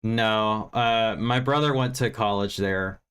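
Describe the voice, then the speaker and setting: Low-pitched, slow-paced, and smooth with a slight brightness, this man from Virginia, United States, hosts a livestream reviewing films. He's worn out and recovering from stuffy sinuses, and he talks in a loose, rambling, honest way, putting himself down and swearing a bit.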